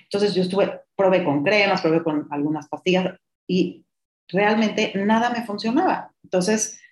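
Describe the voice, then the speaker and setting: A woman's voice: medium pitch, normal speed. A middle-aged woman, hosting a podcast and telling a personal story in a candid, reflective way, sometimes slipping English words into her speech. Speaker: podcast host. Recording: roomy echo.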